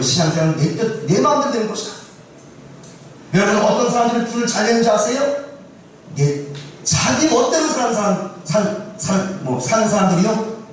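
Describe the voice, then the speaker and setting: Animated male pastor preaching in an echoey hall. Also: high-pitched, slight background noise. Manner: preaching with frequent questions to the congregation. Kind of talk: sermon. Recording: echoey church hall, distant mic.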